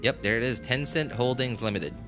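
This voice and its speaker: Speaking fairly quickly in a mid-range voice, a man chats on a gaming livestream with background music behind him. His talk rambles, he corrects himself along the way, and he chuckles from time to time.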